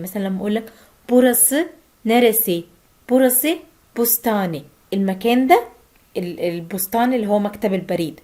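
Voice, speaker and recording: A woman with an Egyptian Arabic accent teaching a language lesson, slowing right down for the example phrases. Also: mid-range voice, dark tone. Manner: slow, drawn-out Turkish example phrases between Arabic explanations.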